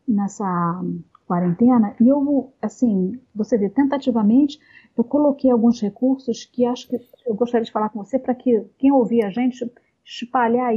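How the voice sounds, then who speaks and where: A woman talking at length in a casual conversation, explaining points slowly with many fillers and pauses. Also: on the high side, husky, phone-quality sound. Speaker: guest speaker on communication.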